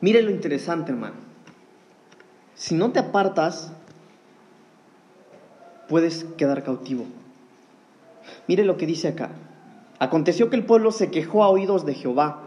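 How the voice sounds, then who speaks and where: A man's voice: a little high, expressive, a little slow, pauses often, mellow. Earnest preacher man. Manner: earnest, addresses congregation as brothers. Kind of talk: sermon.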